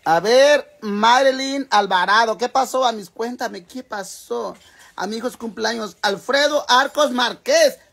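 A man's voice: extremely high pitch, measured pace, creaky, fairly bright tone. A man with a Mexican accent, chatting casually and rowdily on a cooking live stream, swearing freely and calling his viewers sisters. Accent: Mexican Spanish. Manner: rowdy, swears freely, calls viewers "hermanas".

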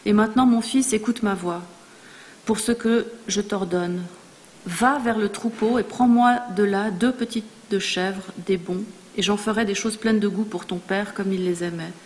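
Woman reading a commanding mother, solemn and measured, in a reverberant hall. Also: medium pitch, fairly even intonation, darkish tone, close to an everyday voice. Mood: urging. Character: older matriarch mother giving firm orders. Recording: long reverb in a large hall.

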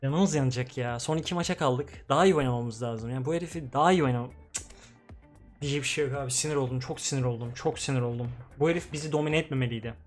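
A young man streaming a football video game, commenting live, swinging from grumbling to excited shouting. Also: medium pitch, fast, soft background music. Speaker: gaming streamer.

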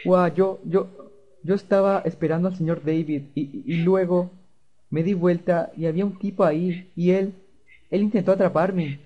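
A man's voice: sits high, steady tone, normal speed, pitched above the performer's own voice. A man voicing a frightened, timid little boy in game dialogue, stammering as he speaks. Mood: scared. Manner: stammering, fearful. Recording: dull lo-fi recording.

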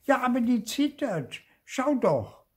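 Curious boy ghost, raised voice, lively pitch, read by an older man, husky, storybook. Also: takes it slowly, heavily acted. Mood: eager curious. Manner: eager, excited questions.

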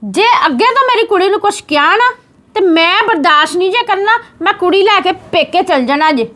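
A woman playing a fierce young mother who forcefully scolds her mother-in-law in a family drama. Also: very high voice, lively intonation, fairly quick. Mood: indignant.

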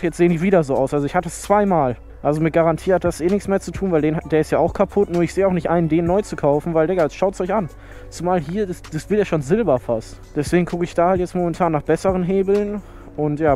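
A man's voice: a little high, dark tone. A young man with a German accent chatting casually while riding a motorcycle through town, full of slangy exclamations. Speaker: motovlogger. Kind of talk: casual motovlog commentary.

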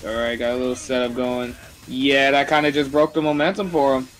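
A man's voice: mid-range voice, steady tone, brisk. A man giving casual live play-by-play commentary on a fighting game. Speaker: esports match commentator.

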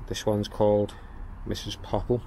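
A man with a fairly low voice strolls through his walled garden, chatting casually about what is growing. He talks plainly and at an easy pace, pointing things out as he goes. A faint outdoor ambience sits behind him. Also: little pitch movement, vocal fry, warm tone, a little hiss or hum. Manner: plain-spoken, unhurried, explains as he walks. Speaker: gardening vlogger.

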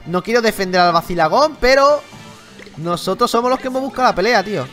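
A man with a Spain Spanish accent commenting on his video game playthrough, excitable, with loud exclamations and slang. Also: high-pitched, fast talker, faint music behind. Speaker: gaming youtuber.

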